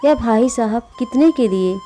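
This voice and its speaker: A woman's voice: a little high, expressive, normal speed, dark tone, soft background music, natural voice. A woman voicing a simple, uneducated village man who greets people innocently and kindly. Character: simple-minded village man, cheerful and naive.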